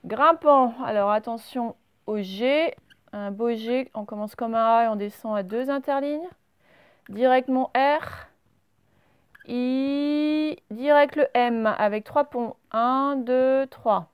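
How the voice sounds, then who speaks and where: A woman's voice: on the high side, clean tone, no room sound, lo-fi sound. A woman teacher in a classroom at the blackboard, patiently talking pupils through joined-up handwriting step by step. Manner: slow, patient step-by-step dictation. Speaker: primary school teacher. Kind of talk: recorded handwriting lesson.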